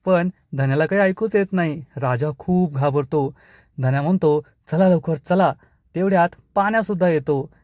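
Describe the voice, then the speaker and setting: A man with a somewhat high voice narrates an episode recap, moving quickly from scene to scene. He slips into a brighter, livelier tone when he speaks the characters' lines. The recording is close and dry, with no room sound. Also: no echo. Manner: retells scenes briskly, voicing characters' lines in a livelier raised tone. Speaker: serial episode reviewer. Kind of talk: plot retelling narration.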